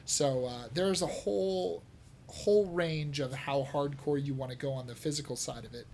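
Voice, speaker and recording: A man's voice: a little high, moderate pace, creaky, a little mellow, a little hiss or hum. A man hosting a casual gaming podcast, talking in long rambling stretches with plenty of fillers and laughter. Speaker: podcast host. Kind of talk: casual chat.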